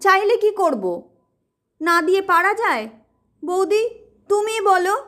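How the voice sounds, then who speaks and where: A hot-tempered young man who grumbles and complains indignantly, as a woman reader acts him out. The voice is high for a man and the pace is slow and careful. It comes from a storybook reading. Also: a bit bright. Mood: indignant grumbling.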